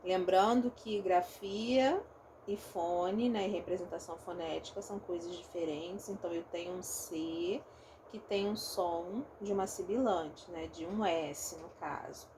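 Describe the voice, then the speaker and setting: Carioca lady teaching phonetics, talks slow, keeps going "tá?" and "né?". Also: on the low side, background noise. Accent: Rio de Janeiro Portuguese. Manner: explains step by step, often checking in with "tá?" and "né?". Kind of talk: recorded online lesson.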